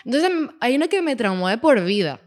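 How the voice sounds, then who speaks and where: A woman's voice: a little high, big pitch swings, fairly quick, a little mellow. A young woman, co-hosting a podcast in frank, bantering casual chat. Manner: frank, banters, blunt slang. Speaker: podcast co-host.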